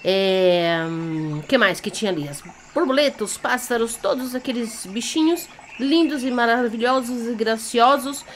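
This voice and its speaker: A Brazilian woman tells a children's story off the cuff, animated and theatrical, stopping to check in with her listeners conversationally. Her voice is a little high and her pace normal, with slight noise in the background.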